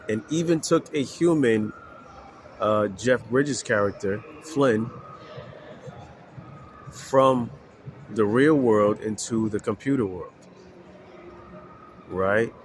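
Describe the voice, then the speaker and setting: A man in his forties, congested from allergies, talking slowly to viewers about faith and films with many pauses, fillers and "right?". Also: on the low side. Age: 40s. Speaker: faith vlogger. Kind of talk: casual spiritual talk to viewers.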